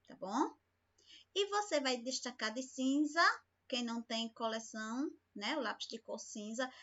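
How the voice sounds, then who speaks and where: A woman's voice: fairly high pitch, bright, forceful tone, muffled recording. A woman teacher giving a recorded remote lesson, patient and speaking to the class with many questions. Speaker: school teacher.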